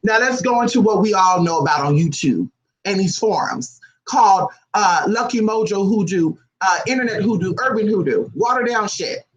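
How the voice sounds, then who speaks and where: Man, high voice, blunt profane vlog rant, lots of rhetorical questions. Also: animated, normal speed, dull audio. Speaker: spiritual practitioner vlogger. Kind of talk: unscripted ranting monologue.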